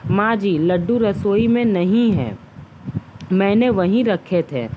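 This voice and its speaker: A dutiful, honest young daughter-in-law from a family tale, voiced by a woman narrator. She speaks politely and slowly at a middle pitch, always respectful toward her elders. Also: expressive, noisy background. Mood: worried.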